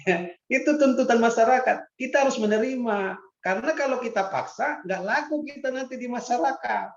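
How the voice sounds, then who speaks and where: A man's voice: very high voice, brisk, creaky. A man giving a casual classroom lecture, chatty, often laughing and asking rhetorical questions. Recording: echoey, dull lo-fi room recording.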